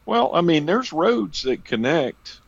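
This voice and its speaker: A man's voice: on the high side, sing-song, slow pace, vocal fry, breathy edge, dull audio. A man with a Southern American accent co-hosting a podcast in casual chat, wisecracking and dropping short acknowledgments. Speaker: podcast co-host.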